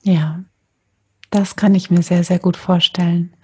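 A woman hosting her own podcast, welcoming a guest warmly and enthusiastically. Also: fairly low pitch, level tone, unhurried, husky, no room sound, clean studio sound. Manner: warm, enthusiastic, effusive. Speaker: podcast host. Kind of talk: podcast interview.

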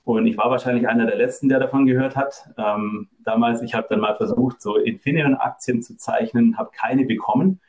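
A man's voice: medium pitch, fairly even intonation, brisk, few pauses, darkish tone. A middle-aged man from Germany, a guest in a casual interview, speaking hesitantly with many fillers.

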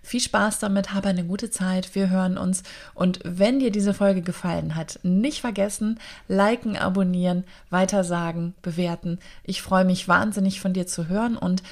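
A woman's voice: medium pitch, fairly even intonation, normal speed. A woman hosting a meditation show, giving an informal spoken introduction and talking directly to the listener.

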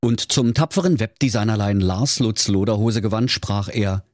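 A man's voice: fairly low pitch, moderate pace, a little mellow, no room sound, clean studio sound. A man narrating a comic fairy tale in a playful storytelling manner.

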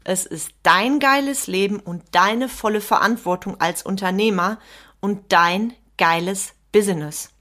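A woman's voice: mid-range voice, unhurried, sharp tone. A woman coach speaks in a solo podcast monologue. She addresses the listener directly, with a blunt and emphatic manner. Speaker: business coach.

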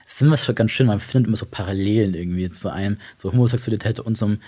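A young man who grew up in Germany and Italy, talking about his life in a reflective, halting way with many restarts. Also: on the low side, dark tone, slightly rough. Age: young adult. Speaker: interview guest. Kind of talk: casual personal talk.

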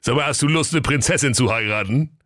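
Man playing a pompous, gruff little king who insults everyone; plain middle-pitched voice, dry studio. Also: brisk, fairly bright tone, no room sound, lightly acted. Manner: gruff, blunt, name-calling. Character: small fat grouchy king, rude and pompous. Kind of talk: comic radio fairy tale.

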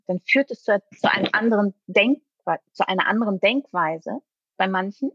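A woman product management coach speaking as a podcast guest, animated and acting out quoted dialogue. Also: medium pitch, moderate pace, slightly rough, no echo, lo-fi sound. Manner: animated, acts out quoted dialogue with many ne? tags. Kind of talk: podcast interview talk.

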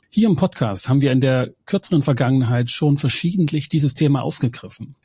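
Male podcast host with a dark, slightly husky voice; composed and articulate, dry close recording. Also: mid-range voice, no room sound. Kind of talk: podcast intro and interview.

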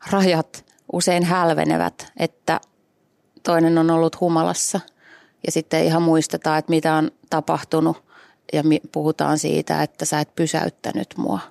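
A woman journalist, appearing as a guest on a casual podcast, reads aloud and reflects thoughtfully, searching for words as she goes. Her voice is low, creaky and darkish, recorded without any room sound.

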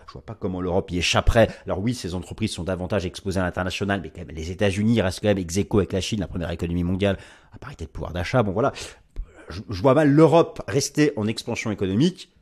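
A man giving market commentary over charts, lively and emphatic, with frequent restarts and asides. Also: on the low side, slightly rough. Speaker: market analyst presenting forex video.

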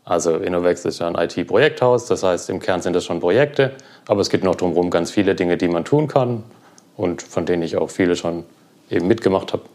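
A young man being interviewed, talking relaxed about his work with many fillers. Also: deep voice, fairly quick. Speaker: guest, cloud platform engineer. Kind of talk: casual interview.

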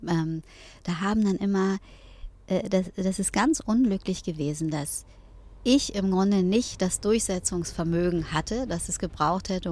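A middle-aged woman from northern Germany, talking as an interview guest in a thoughtful way, pausing often with fillers. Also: fairly low pitch, darkish tone, dry recording. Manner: thoughtful, with many hesitations and fillers. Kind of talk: reflective conversation.

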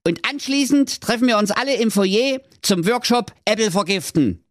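Storybook parody: brisk, mock-sweet wicked stepmother, voiced by a man in a high register. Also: animated, dry recording, studio quality. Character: scheming wicked stepmother chairing a conference.

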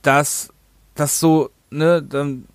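A man's voice: on the high side, level tone, very slow, no echo. A man hosting a casual game review podcast, rambling and often tripping over his words and correcting himself. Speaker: podcast host.

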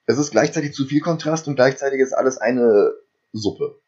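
A man's voice: mid-range voice, moderate pace, a little mellow, breathy edge, highs cut off. A man co-hosting a casual film podcast, retelling the plot at length with dry asides. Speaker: podcast co-host recapping a film. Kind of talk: casual chat.

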